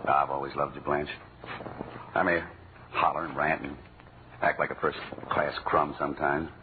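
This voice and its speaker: A man's voice: medium pitch, very animated, moderate pace, lightly acted. A man playing a grumbling, sarcastic hard-up husband. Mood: tender. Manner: sarcastic grumbling, turning tender. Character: griping, hard-up husband with a soft heart. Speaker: radio comedy actor. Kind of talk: 1940s radio comedy acting. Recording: tinny, hissy old radio broadcast.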